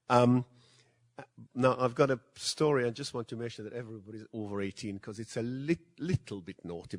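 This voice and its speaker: Older Hungarian-born man telling dry anecdotes. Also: fairly low pitch. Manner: dry, self-deprecating storyteller. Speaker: guest speaker. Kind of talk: anecdotal lecture. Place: museum lecture hall.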